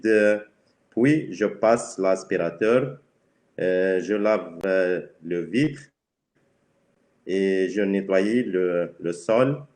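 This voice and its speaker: A man from Spain with a Spanish accent, a native Spanish speaker, describing his work simply and haltingly. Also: deep voice, darkish tone. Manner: halting, searching for words. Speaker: cleaner, webinar guest. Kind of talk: simple self-presentation. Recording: very echoey room.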